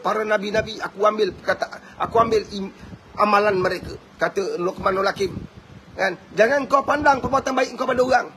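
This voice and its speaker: A middle-aged man with a Malaysian Malay accent giving an impassioned religious talk on family, acting out prayers and rising to shouts. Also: extremely high pitch, a little hiss or hum. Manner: impassioned preaching, acts out prayers, rises to shouts. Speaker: family motivational speaker.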